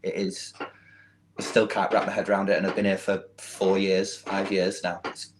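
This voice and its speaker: A young man with a Mancunian accent chats easily as a podcast guest. His voice sits on the low side, and he laughs often and pokes fun at himself. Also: completely flat delivery, moderate pace, background noise. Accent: Mancunian English. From Manchester, England. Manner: chatty, laughs often, self-deprecating. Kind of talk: casual chat.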